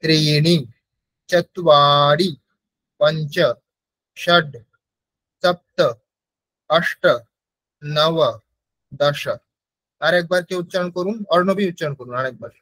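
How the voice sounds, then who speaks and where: A Bengali-accented man teaches online, slowly repeating words so his students can copy them. His voice sits a little high. The call audio is dry and close, with no room sound. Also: a bit bright, dry recording, low-quality recording. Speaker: Sanskrit teacher. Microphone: video call.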